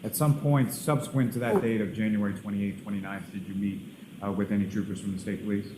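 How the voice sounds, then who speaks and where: A man questioning a witness as a prosecuting lawyer, with a formal, wordy and halting manner. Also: on the low side, steady tone. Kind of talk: courtroom questioning. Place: large indoor courtroom. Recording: echoey, noisy courtroom feed.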